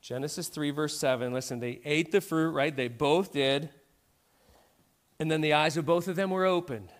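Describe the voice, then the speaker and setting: A man's voice: on the high side, moderate pace. A middle-aged man preaching a sermon in a conversational way, often checking in with "right?". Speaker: pastor.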